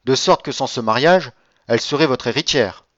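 A man's voice: medium pitch, normal speed, a bit bright, no echo, dull audio, natural voice. A man voicing a formal notary who carefully asks questions and reasons aloud. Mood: reasoning. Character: male notary, formal, careful, middle-aged.

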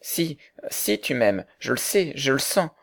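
A man's voice: medium pitch, animated, unhurried, creaky. A man voicing an anxious, jealous young man in love, in a dramatized audiobook reading. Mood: tender. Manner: fretful, pleading.

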